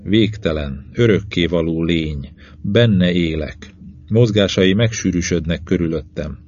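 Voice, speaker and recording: A man narrating a novel in the first person, in measured, even short phrases. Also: low voice, no echo. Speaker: audiobook narrator. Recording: dull lo-fi recording.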